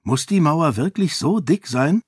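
A man's voice: a little high, expressive, measured pace, darkish tone, slightly rough, no echo, studio quality, pitched above the performer's own voice. A man voicing a curious, spirited young noblewoman in an audiobook, talking eagerly and teasingly.

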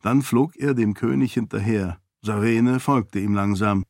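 A man narrating a novel as an audiobook in a calm, even storytelling manner. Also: fairly low pitch, unhurried, dry recording, clean studio sound. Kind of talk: scripted narration.

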